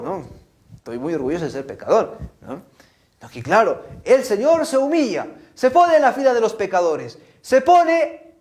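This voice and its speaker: A man with a Peruvian Spanish accent gives a children's religious lesson in an animated storytelling way, often adding "¿no?" and restarting his words. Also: high voice. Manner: animated storytelling, frequent "¿no?" and "¿ah?" tags. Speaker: catechist. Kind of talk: children's catechesis talk.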